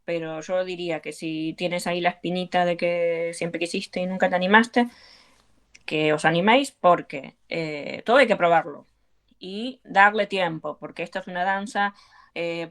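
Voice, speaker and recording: Interviewed in a conversational setting, an Argentine woman who teaches belly dance speaks earnestly and encouragingly, often using fillers. Her accent is Argentine Spanish, and her voice sits on the low side, steady and fairly bright, at a moderate pace.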